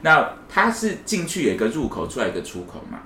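A man's voice: mid-range voice, wildly swooping pitch, quick pace, bright, forceful tone. A man, co-hosting a casual podcast chat and telling a story while acting out the quoted lines. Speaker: podcast co-host. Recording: echoey room, faint hiss.

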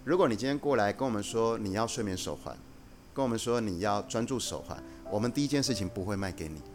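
A man with a fairly low voice talks through his views in a measured, earnest way, as a guest on a casual podcast. Soft instrumental music plays under him. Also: animated. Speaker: guest, company executive.

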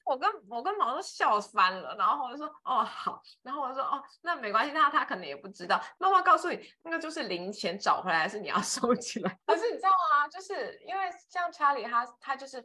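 A woman co-hosting a podcast in casual chat, an animated storyteller who laughs often. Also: high voice, fast, few pauses. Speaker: podcast co-host.

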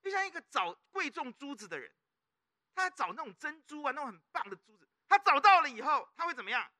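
This is a middle-aged man, a pastor with a Taiwanese Mandarin accent, whose very high-pitched voice moves fast as he preaches. His sermon is lively, and he keeps prompting the congregation with call-and-response questions.

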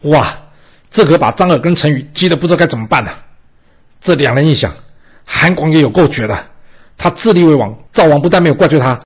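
A man telling a history story in a chatty, animated way, hosting his podcast. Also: on the high side, a little fast, husky.

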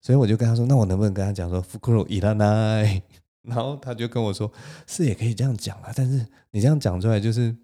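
A man with a Taiwanese Mandarin accent, telling a story on his own podcast in a lively way and laughing now and then. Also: lowish voice, very fast. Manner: animated, laughs between lines. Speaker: podcast host. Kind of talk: solo storytelling.

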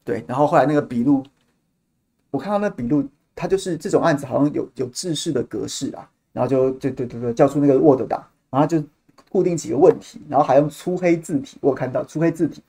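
A man hosting a podcast, telling a story in an animated, casual way and repeating words as he goes. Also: mid-range voice, quick pace, vocal fry, husky. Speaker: podcast host.

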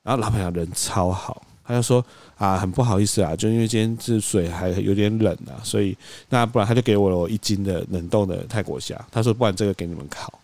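A man, co-hosting a podcast, telling a story in an animated way and acting out quoted lines. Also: fairly low pitch, fast talker, few pauses, dry recording. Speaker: podcast co-host. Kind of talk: casual storytelling chat.

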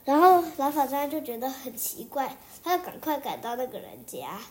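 Young child telling an improvised story. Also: female voice, high-pitched, very animated, brisk, darkish tone. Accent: Taiwanese Mandarin. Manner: rambling, restarting sentences, singsong repeated phrases.

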